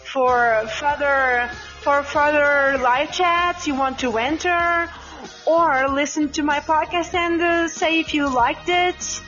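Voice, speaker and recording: A woman's voice: sits high, steady tone, takes it slowly, fairly bright tone, dull audio, soft background music. A woman in her late thirties whose native language is Portuguese, hosting a casual live podcast chat and talking hesitantly with many ums and restarts. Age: 30s. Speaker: podcast host.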